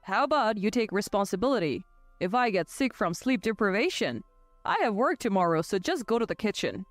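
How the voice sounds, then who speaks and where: A woman's voice: mid-range voice, sing-song, fairly quick, dry recording, faint music behind, lightly acted. A woman voicing a cold, domineering young husband who talks in a curt, bossy way. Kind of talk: scripted storytelling.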